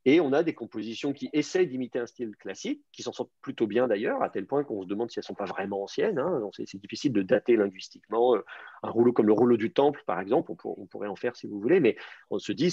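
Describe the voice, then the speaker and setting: A man's voice: fairly low pitch, dark tone, husky, dry recording. A man teaching an advanced Hebrew class, explaining grammar and word roots with many fillers and restarts. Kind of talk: online language class. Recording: dull lo-fi sound.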